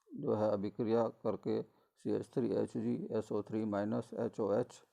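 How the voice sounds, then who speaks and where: A man's voice: lowish voice, gravelly, warm tone. A middle-aged man giving a recorded chemistry lecture, explaining step by step with frequent fillers and self-corrections.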